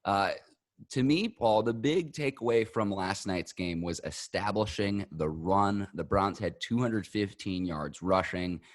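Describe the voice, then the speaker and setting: Male sports podcast host with a fairly low pitch and dry, room-free sound. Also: a little slow, no room sound.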